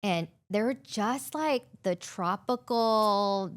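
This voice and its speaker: A podcast co-host in her forties, from Hawaii and California, chats casually and tells a personal story packed with "like." Her mid-range voice is clean and unhurried.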